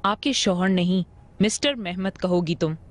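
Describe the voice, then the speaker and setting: A woman's voice: fairly low pitch, normal speed, natural voice. A woman dubbing a haughty businesswoman in a TV drama, speaking curtly and with command. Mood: stern. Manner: curt, commanding. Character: haughty businesswoman, sharp with staff. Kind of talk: dubbed TV drama.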